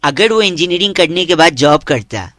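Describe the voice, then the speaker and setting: A man's voice: on the high side, animated, moderate pace, bright, forceful tone, no room sound. A man making a prank phone call, lecturing in a mock-earnest tone with absurd chains of logic. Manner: answers only with hums to provoke. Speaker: prank caller.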